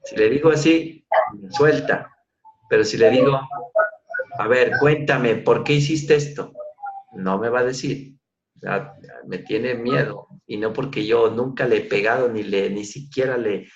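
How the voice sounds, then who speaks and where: A man's voice: medium pitch, moderate pace, muffled recording. A middle-aged man leading an online coaching class, explaining and acting out ways of asking questions. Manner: demonstrative, acts out tones of questions. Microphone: video call.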